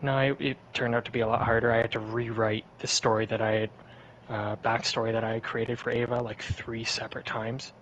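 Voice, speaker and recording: A man's voice: medium pitch, flat delivery, brisk, fairly bright tone, dull audio, slight background noise. A man guest on a podcast, telling stories in a rambling, laid-back casual way. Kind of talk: casual chat.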